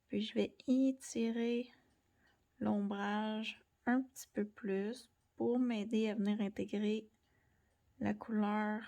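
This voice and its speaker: A young woman with a Québécois French accent, gently explaining a colored pencil drawing tutorial and sometimes dropping to near-whispers. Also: medium pitch. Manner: gentle, soft-spoken, drops into near-whispers while drawing. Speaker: art tutorial host.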